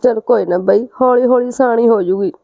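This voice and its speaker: A woman's voice: a little high, fairly quick, vocal fry, muffled recording. A woman playing a meek, plaintive sister. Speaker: married sister visiting her brother.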